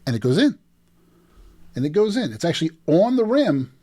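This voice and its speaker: Animated man breaking down game footage. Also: fairly high pitch, moderate pace. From New Jersey. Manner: animated play-by-play, emphatic restarts. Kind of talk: sports video commentary.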